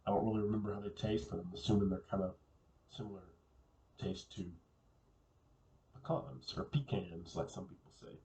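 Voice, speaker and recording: A man casually reviewing a beer on his own, relaxed and musing, often repeating words as he thinks aloud. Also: lowish voice, fast, far from the mic, slight background noise, low-quality recording.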